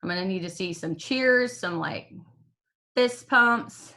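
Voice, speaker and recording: Upbeat woman, bright tone, runs a team call while hiccuping, casual and joking. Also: on the low side, lively intonation, moderate pace. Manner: upbeat and chatty, with fillers and jokes. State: has the hiccups. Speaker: team leader.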